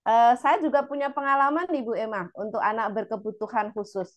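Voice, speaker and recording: A woman's voice: a little high, steady tone, fairly quick, lo-fi sound. An Indonesian woman moderating a teachers' webinar and sharing her own classroom experience. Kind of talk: webinar talk.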